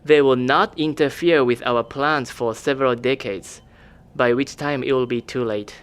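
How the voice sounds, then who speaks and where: This man's medium-pitched, smooth voice sits close to his everyday one as he portrays an evasive government official in an audio drama. The character stays cool, formal, calm, and measured.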